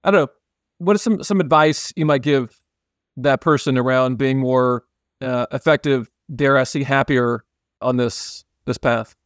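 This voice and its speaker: A male podcast host talks conversationally with a nasal, stuffed-up voice at a middling pitch. The sound is dry and close as he leads the interview. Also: measured pace, no room sound. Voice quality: nasal, congested. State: congested after illness.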